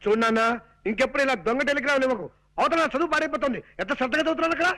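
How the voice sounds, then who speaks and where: An actor playing a cheeky young student who jokes sarcastically in film comedy dialogue. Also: male voice, very high voice, rapid-fire, sharp tone, slight background noise, rough recording. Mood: wry. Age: young adult. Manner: wisecracking, sarcastic.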